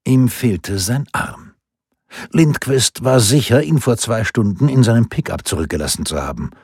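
A man reading a novel aloud as an audiobook narrator, with an expressive, varied storytelling delivery. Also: medium pitch, normal speed, breathy edge, dry recording, clean studio sound.

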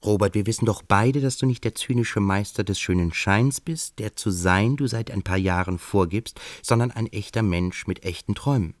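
A man's voice: deep voice, fairly quick, darkish tone, no echo, clean studio sound. A man reading an audiobook, voicing a cynical, eloquent male friend who talks in a pompous, lecturing way.

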